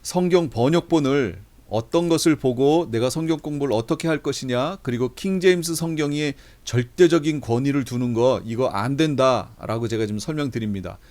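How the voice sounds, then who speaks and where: A middle-aged man, a pastor, giving a conversational Bible lesson and reading verses aloud slowly. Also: mid-range voice, darkish tone. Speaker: pastor teaching a Bible class. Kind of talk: lecture, explaining Bible translations.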